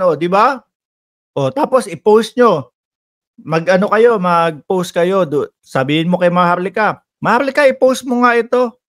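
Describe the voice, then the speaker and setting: High-voiced man teasing his viewers. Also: a bit bright. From Philippines. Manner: teasing and sarcastic, addressing viewers directly. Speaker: political commentary vlogger. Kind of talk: casual live commentary reading viewer comments.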